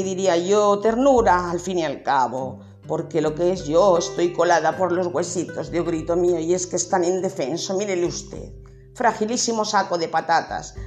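A woman's voice: on the low side, darkish tone, close to an everyday voice. Woman doing an ogress wife, storybook, gossipy, mocking, near-natural voice.

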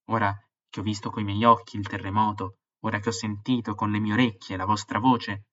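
A man with a fairly low, husky voice reads a story slowly and dramatically. The recording sounds dull and lo-fi, like a home podcast. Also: fairly bright tone. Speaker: podcast host. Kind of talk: reading a book passage aloud, then history podcast narration.

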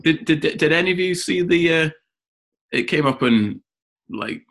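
Man telling lively stories. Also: fairly high pitch, normal speed, creaky. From Scotland. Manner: animated storyteller, repeats words as he goes. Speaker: cricketer guest. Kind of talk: casual podcast chat.

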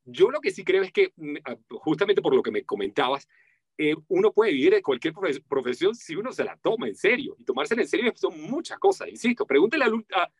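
Animated Venezuelan man, dry sound. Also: fairly quick, husky, dry recording. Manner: animated, acts out quoted voices with big pitch jumps. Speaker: voice-over artist, guest. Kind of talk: casual interview talk.

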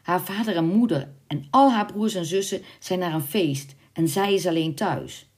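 A woman voicing a depraved, scheming male servant in a spoken storybook, talking in a hushed, conspiratorial way. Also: lowish voice, moderate pace, breathy edge, pitched above the performer's own voice.

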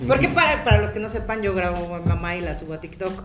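A woman's voice: medium pitch, animated, fast. A Mexican woman in her thirties, a podcast co-host telling funny stories in a laughing, slangy casual chat. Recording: roomy, faint music behind.

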